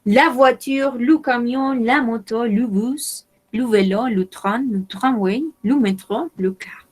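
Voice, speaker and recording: Slow, careful female French teacher. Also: fairly high pitch, poor audio. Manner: slow, careful, repeats words for learners. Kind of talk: online language lesson.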